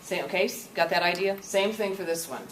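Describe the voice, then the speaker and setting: A deep-voiced woman runs a workshop and keeps checking that her listeners follow along. She is picked up from far away by a camcorder, so the room echoes around her and a steady noise runs underneath. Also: fairly quick. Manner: coaxing, checks understanding with frequent "okay?". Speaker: workshop presenter. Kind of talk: interactive workshop lecture. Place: classroom or meeting room.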